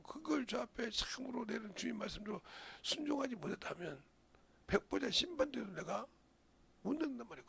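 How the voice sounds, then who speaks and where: A middle-aged male pastor preaching a sermon with passion, often asking his congregation questions and breaking into loud outbursts. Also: high-pitched, vocal fry. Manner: asks the congregation questions, interjects "어?".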